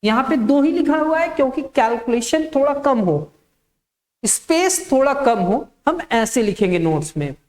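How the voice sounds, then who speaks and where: A woman's voice: sits high, expressive, normal speed, a little mellow. A woman teaching a maths lesson. She dictates step by step, asks the class questions and answers them herself, and repeats the key terms.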